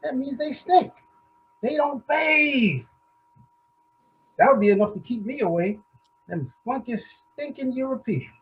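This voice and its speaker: A man's voice: sits high, lively intonation, fairly quick, slightly rough, muffled recording, full character voice. An actor playing Howard, a crude, blustering middle-aged man, in a stage play reading. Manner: brash, loud, crude.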